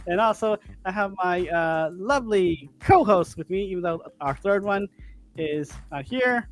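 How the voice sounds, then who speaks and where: A man's voice: high-pitched, lively intonation, measured pace. A man hosting a casual food stream, rambling and upbeat with many fillers. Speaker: host of a mukbang stream.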